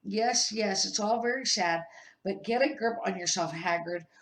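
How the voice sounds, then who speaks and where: A woman plays a stern yet caring storybook witch professor. She speaks briskly, in an urgent, hushed manner. The room gives an audible echo. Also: mid-range voice, recorded from a distance, lightly acted. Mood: brisk, soothing. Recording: roomy home echo.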